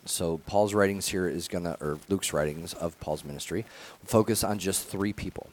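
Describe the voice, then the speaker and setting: A man's voice: sits low, moderate pace. A man preaching a conversational sermon as pastor, earnest, often restarting phrases and adding fillers.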